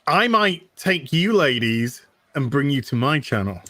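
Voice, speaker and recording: A man's voice: mid-range voice, big pitch swings, measured pace, pushed and bright, dry recording, clean studio sound. A man chatting as a guest on a podcast, teasing and joking crudely. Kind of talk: casual podcast chat.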